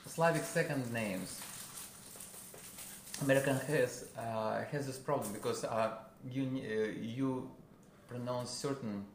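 Slow, halting Russian-accented man. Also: medium pitch. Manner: halting, searching for words, many fillers. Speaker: guest musician. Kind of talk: casual interview. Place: a friend's house. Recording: roomy with background noise.

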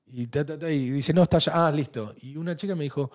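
A middle-aged man with a Rioplatense Spanish accent, co-hosting a podcast and telling anecdotes in animated, joking banter. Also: brisk. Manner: animated storytelling, jumps pitch for quoted voices. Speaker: podcast co-host. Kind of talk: casual banter.

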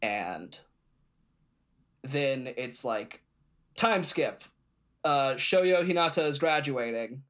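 Bright, rambling young man. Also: medium pitch, expressive, slow, pauses often. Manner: rambling retelling with many fillers. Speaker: podcast guest. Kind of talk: casual chat.

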